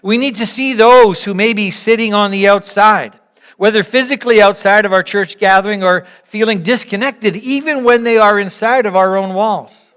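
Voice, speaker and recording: With a smooth, mid-range voice and a fairly bright tone, a woman conducts an interactive church service. Her reflective sermon unfolds in earnest, measured phrases, frequently split into short fragments, with rhetorical questions and pauses separating her points.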